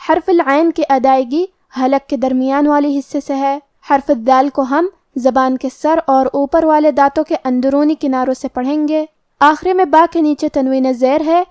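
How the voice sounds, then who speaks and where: Woman, Quran recitation teacher, calm methodical explanations, high pitch, dry recording. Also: dry recording. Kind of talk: explaining tajweed rules in Urdu.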